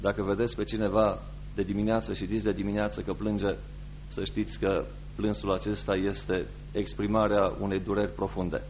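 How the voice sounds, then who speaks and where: A male pastor reading scripture and preaching a sermon, measured and pausing between short phrases. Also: lowish voice, flat delivery, a little mellow, slight background noise. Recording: slightly dull radio recording with faint music.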